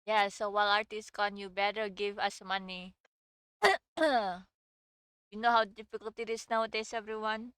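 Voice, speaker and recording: Bright, giggly young woman streamer. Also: medium pitch, level tone, normal speed, clean tone, no echo, clean studio sound. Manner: giggly and playful. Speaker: stream co-host reading aloud. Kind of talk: casual live-stream reading.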